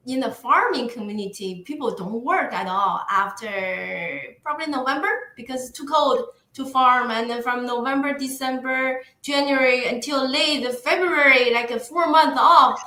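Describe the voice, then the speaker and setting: A woman from northeastern China with a Chinese accent, a guest chatting casually in an interview with a soft voice, goofy and laughing often, with lots of fillers and restarts. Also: on the high side, roomy sound, poor audio. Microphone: microphone.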